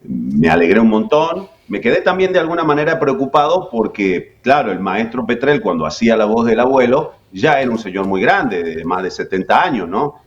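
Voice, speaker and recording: A man in his forties from Jujuy, Argentina, with an Argentine accent, tells stories as a voice actor guest in a relaxed interview. His mid-range voice is very animated and chatty, full of fillers, at a moderate pace with few pauses. The sound is lo-fi.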